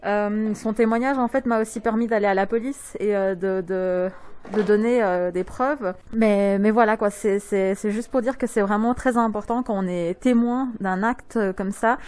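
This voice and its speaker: A woman's voice: mid-range voice, steady tone, normal speed, a little mellow. A woman giving a spontaneous personal testimony, speaking hesitantly and often searching for her words. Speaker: witness giving an anonymous testimony.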